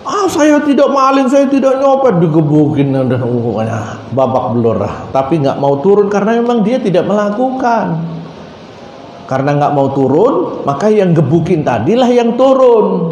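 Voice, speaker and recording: A man preaching a sermon at an Islamic boarding school, in an animated storytelling way, with a roomy echo and faint ambience. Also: fairly high pitch, moderate pace, slight background noise. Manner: animated storytelling, acting out voices.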